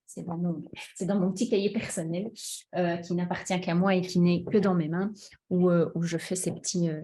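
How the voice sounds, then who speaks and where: A woman's voice: lowish voice, mellow. A woman coach giving a talk on emotions in French, speaking directly to her audience with frequent fillers and restarts. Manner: hesitant, many restarts and fillers; addresses audience directly, checks understanding. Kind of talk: conference talk, personal examples.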